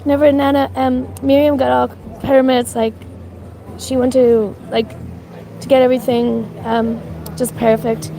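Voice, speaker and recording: This livestreamer, a Canadian woman whose accent mixes Canadian and Irish, rambles casually with many fillers while walking a cold city street, shivering and thanking her viewers. She speaks a little slowly in a high, level, creaky and mellow voice, recorded outside among a crowd.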